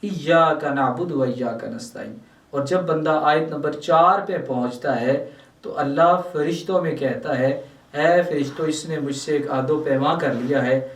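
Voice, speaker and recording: A man's voice: fairly high pitch, reverberant, distant mic. A man with a Pakistani Urdu accent gives a religious lesson, reciting verses and explaining them word by word. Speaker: Islamic scholar teaching Quran translation.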